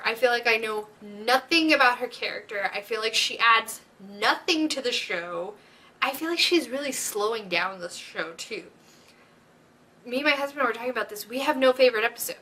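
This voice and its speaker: A woman hosting a vlog, chatting casually and excitedly, with frequent giggles and gushing asides. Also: high-pitched. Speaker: vlog host. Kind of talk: casual fan chat.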